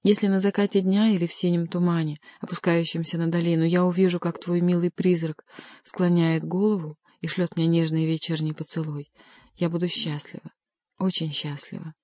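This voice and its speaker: A woman voicing a gentle young noblewoman speaking to her lover. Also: lowish voice, little pitch movement, normal speed, no room sound, lightly acted. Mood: tender. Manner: gentle, lyrical. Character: tender young noblewoman in love.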